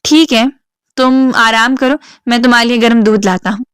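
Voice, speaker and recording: A woman's voice: fairly high pitch, fairly even intonation, clean tone, dry recording, clean studio sound, lightly acted. Stern, protective soldier father, read by a woman. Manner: caring but stern. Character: protective father, former soldier, older man.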